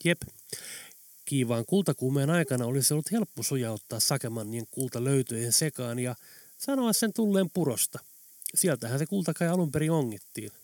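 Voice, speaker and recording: A man's voice: medium pitch, lively intonation, darkish tone, no room sound, close to an everyday voice. Man reading a wry scheming antiques dealer. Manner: quick, wry, conspiratorial.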